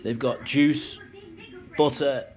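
A man's voice: mid-range voice, steady tone, slow pace, over music. Chatty man filming a house tour. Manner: chatty, rambling, explains as he films. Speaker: travel vlogger giving a house tour. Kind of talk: casual walking house tour. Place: outdoors on a house terrace and indoors in small rooms. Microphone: handheld phone camera.

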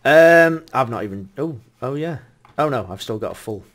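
A man talks over a multiplayer game with his friends. His voice jumps up and down in pitch as he teases the others and breaks into giggles. It is a relaxed, chatty gaming session. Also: normal speed, a little hiss or hum. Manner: giggly, teasing, laughs often. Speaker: gameplay commentator. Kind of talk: casual multiplayer game chat.

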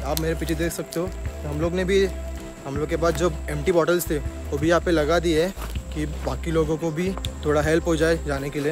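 A young travel vlogger from Maharashtra, India, speaks in a fairly high voice while walking a forest trail near a waterfall. Holding his phone camera, he narrates casually and chats straight to his viewers. Background music plays.

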